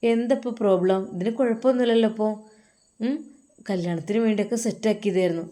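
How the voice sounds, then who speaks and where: A woman voicing a young male madrasa teacher with a Malappuram accent, who talks calmly and asks plain questions. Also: medium pitch, quick pace, close to an everyday voice. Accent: Malappuram Malayalam.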